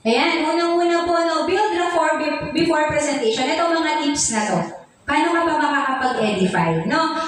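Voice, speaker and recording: A woman's voice: sits high, moderate pace, slight background noise. A woman mentor giving a seminar training talk, playful and teasing, acting out examples for the audience. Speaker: business mentor. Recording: echoey hall, mic from far off.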